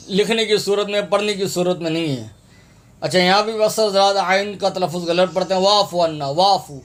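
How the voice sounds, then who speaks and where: A high-pitched man leads a recitation lesson, breaking words into letters and vowel marks. He repeats every point patiently and earnestly asks listeners to fix their pronunciation. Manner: patient, repeats each sound several times, earnest pleading. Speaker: Quran recitation teacher. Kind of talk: tajweed lesson, spelling out and drawing out verses.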